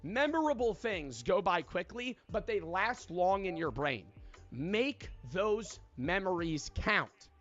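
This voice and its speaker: In a dull, lo-fi played video with soft background music, a twenty-something online creator swears frequently through an emphatic pep talk on living for yourself. He speaks slowly in a high-pitched, somewhat bright voice with big swings in pitch.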